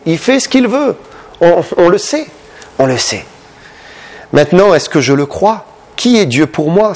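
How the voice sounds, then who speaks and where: Male preacher, somewhat high voice, animated sermon delivery. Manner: impassioned, questioning the listeners, big pitch swings.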